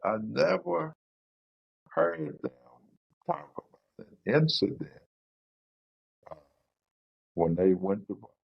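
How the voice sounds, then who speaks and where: An older man recalling the past slowly and haltingly for his daughter, heard through low-quality streamed audio. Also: very animated, creaky, slightly rough, no room sound. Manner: slow, halting recollection. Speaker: father being interviewed. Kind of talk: casual family interview. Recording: dull lo-fi low-bitrate audio.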